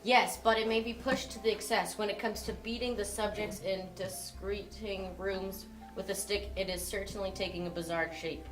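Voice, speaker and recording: A woman's voice: medium pitch, fairly even intonation, normal speed, few pauses, lightly acted, rough recording. A woman playing a chatty, helpful young man who explains at length, in an amateur drama reading with music behind. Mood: gossipy. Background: background music.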